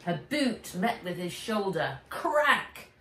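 A middle-aged woman, the author, reads her own children's adventure story aloud in a slow, dramatic, emphatic audiobook style with a medium-pitched voice. She's indoors in a bright room with an armchair, recorded from a distance, so the sound is roomy and echoey.

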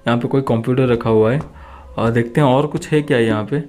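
A man's voice: medium pitch, a little fast, a little mellow. A young man giving crude, jokey horror game commentary, swearing often and muttering nervously. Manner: jumpy, frightened mutters. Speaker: gaming channel host.

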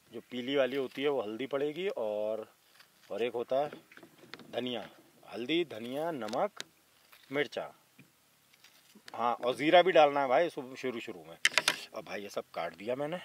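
A man's voice: medium pitch, slight background noise. A man in his thirties vlogging casually while he camps alone outdoors at night, recorded by a camera a few metres off. He talks to viewers in an easy, chatty way. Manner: chatty, keeps calling viewers brother. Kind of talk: casual solo camping vlog. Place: outdoors at night beside a tractor caravan on a hilltop.

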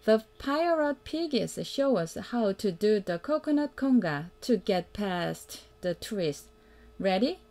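Reading a picture book to her children, a mother speaks slowly in a mellow, medium-pitched voice with big swings in pitch. Her storytelling is simple and deliberate, and she prompts her listeners with questions.

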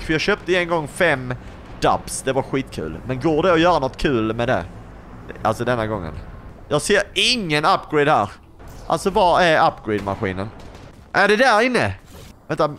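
Young man, gaming commentary, playful, chatty, animated pitch, faint background hum. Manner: chatty, asks viewers questions, playful. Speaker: gaming YouTuber. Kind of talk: casual gameplay commentary.

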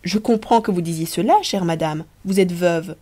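A woman's voice: lowish voice, normal speed, mellow, slightly rough. A woman reading the part of a proud society wife who declaims in a lofty, emphatic way.

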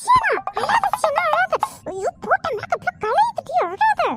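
A woman's voice: very high-pitched, sing-song, a little slow, loud music behind the voice. A woman, scolding and fussing dramatically in a comedy skit. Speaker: comic performer.

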